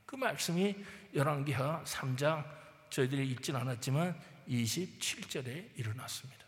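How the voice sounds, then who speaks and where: A man's voice: on the high side, a bit bright, long reverb tail. A male pastor preaching a sermon emphatically, prodding his listeners with rhetorical questions and acting out Bible figures. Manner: acts out Bible figures in quoted speech.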